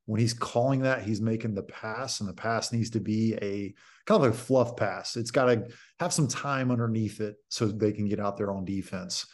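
A basketball coach in his thirties explains a practice drill plainly over a video call from his home office, picked up by a webcam. His voice is on the low side at a moderate pace, and he uses lots of filler words.

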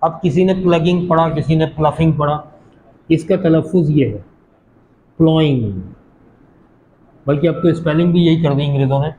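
Teaching English pronunciation at a college, this Pakistani man speaks patiently, repeats words slowly and quizzes his students. He has a mellow, fairly high voice with fairly even intonation, and the lo-fi recording carries a little hiss or hum.

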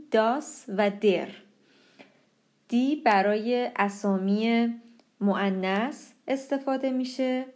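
A young woman teaching a language lesson, explaining pronunciation patiently and slowing down on example words. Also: on the high side, a little mellow.

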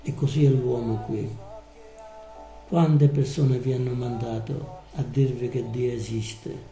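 A man preaching a live sermon, slow and emphatic, drawing out his words. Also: mid-range voice, steady tone, warm tone, echoey room, faint music behind, poor audio.

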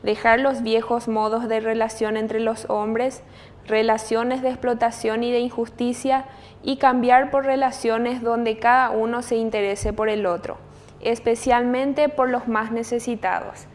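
Young woman reading the intro at mass, slightly high voice, calm and measured, chapel lectern. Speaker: liturgy commentator.

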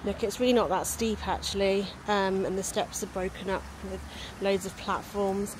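With a medium pitch, fairly even intonation, and normal speed, a woman in her thirties gives a cheerful, conversational travel vlog while looking straight into her handheld phone. She's outside on busy city streets and park paths, so the phone recording includes street noise and traffic.

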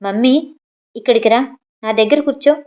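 A woman reading aloud puts on a college-age daughter in an audio story, earnest and firm. The voice sits a little higher than the narration. The recording sounds dull and lo-fi. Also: normal speed, lightly acted. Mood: pleading.

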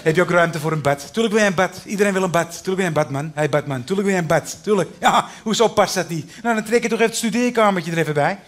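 A man's voice: high voice, fast talker, few pauses, close to an everyday voice. A man playing a pushy, overly familiar contractor in a cabaret sketch, talking in brash, repetitive sales patter. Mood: pushy, upselling. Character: pushy chummy male contractor, upselling. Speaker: contractor inspecting a house.

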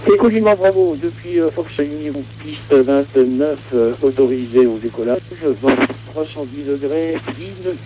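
A man's voice: a little high, a little slow, few pauses, highs cut off. A man working as an air traffic controller on a flight-sim network, speaking in formal radio phraseology with frequent hesitations, heard over a headset radio channel.

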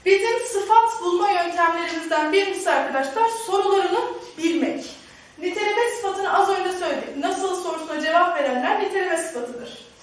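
A woman's voice: very high voice, normal speed, recorded from a distance. A woman teacher giving a classroom grammar lesson, who keeps addressing her students and asks and answers her own questions. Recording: very echoey room, voice off-mic, faint noise.

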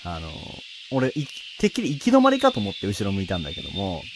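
A man talks casually through a horror game, nervous and pleading with his viewers. His pitch swings widely from phrase to phrase. Noisy, chirping game ambience sits behind his voice. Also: wildly swooping pitch, fast talker. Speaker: video game player and commentator. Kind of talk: casual horror game let's-play commentary.

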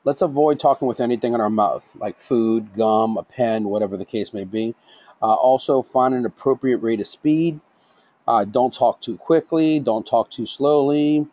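A middle-aged man lecturing an online safety course at a brisk, self-confessed fast pace. He keeps checking in with his listeners, voice sitting mid-range. The recording is dry and close, with no room sound. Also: medium pitch, warm tone, dry recording. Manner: says he talks fast, tags lines with "right?" and "okay?". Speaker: safety trainer.

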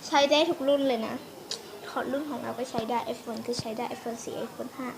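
A woman hosting a casual home vlog, chatty and quick to switch between polite phrasing and blunt slang while bossing friends around off camera. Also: fairly high pitch, fairly even intonation, vocal fry, crowd noise. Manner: bossy toward friends off camera. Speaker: vlogger reviewing birthday gifts.

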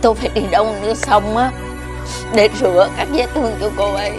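Woman doing a humble old nanny in a cartoon tale, soft and polite, loud music behind. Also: medium pitch, fairly even intonation, fairly quick, natural voice. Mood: meek. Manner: meek, deferential. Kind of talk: cartoon fairy-tale dubbing.

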